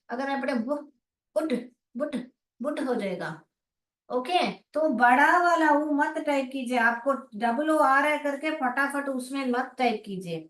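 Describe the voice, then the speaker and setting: In an online class, a woman teaches phonics in Hindi with English terms, sounding out letters and words slowly and drawing them out. She reads students' chat answers aloud and praises them. Her high voice sits far from the mic in an echoey room.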